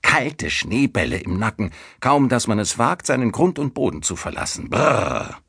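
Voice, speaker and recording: A man's voice: rumbling low, very animated, normal speed, vocal fry, a bit bright, dry recording, clean studio sound, voice pushed down, exaggerated voice. A man voicing a grumpy young man who complains in mock disgust, in an audiobook. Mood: grumbling. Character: grumpy young man in an armchair, hates snow.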